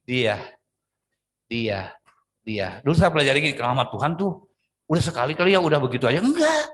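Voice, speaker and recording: A man pastor preaching a sermon with an Indonesian accent, swinging between loud emphatic lines and drawn-out, quieter phrases. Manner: animated preaching with sudden pitch swings and drawn-out words.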